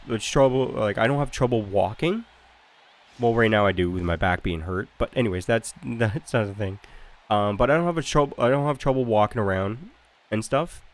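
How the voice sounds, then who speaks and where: A young Canadian man talks through a hockey video game in a loose, rambling way, wandering off into stories between plays. His voice sits at an ordinary middle pitch for a man, neither deep nor high. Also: a little hiss or hum. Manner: chatty, rambling storyteller who drifts off on tangents. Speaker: gaming YouTuber. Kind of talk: casual gameplay commentary.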